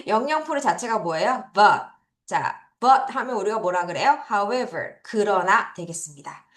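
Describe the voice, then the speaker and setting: Korean-accented woman, english vocabulary teacher, unhurried delivery, echoey room. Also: medium pitch, animated, a bit bright. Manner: drills pronunciation, asks students to repeat. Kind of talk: online vocabulary lesson.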